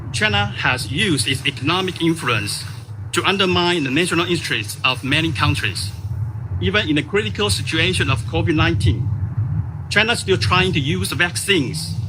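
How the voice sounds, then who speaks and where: A man reads prepared diplomatic remarks in a measured, formal delivery. His voice sits a little high. Heavy traffic noise fills the recording. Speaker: diplomat reading a statement.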